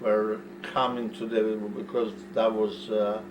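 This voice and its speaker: An older man from Poland with a Polish accent, recalling his past in a casual interview, halting and repeating words in broken English. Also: fairly low pitch, flat delivery. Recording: roomy, far from mic, noisy.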